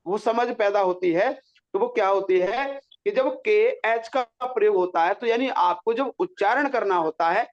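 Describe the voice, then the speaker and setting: High-voiced, slow-speaking male teacher. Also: highs cut off. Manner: patient, drawing out syllables to demonstrate. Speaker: Sanskrit teacher. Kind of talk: pronunciation lesson.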